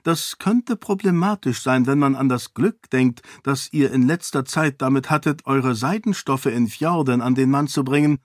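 A man's voice: medium pitch, normal speed, hardly any pauses, no room sound, clean studio sound, pitched above the performer's own voice, close to an everyday voice. A man voicing a self-assured young princess who speaks frankly and cuttingly in a storybook reading. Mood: cool.

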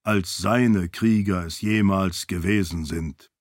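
A calm, loyal adviser to a princess who speaks deep, slow and soft, as a male narrator puts him on. The voice drops well below the reader's own and every word is weighed. Close, dry audiobook sound. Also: dry recording. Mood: measured. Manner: low, slow and soft-spoken.

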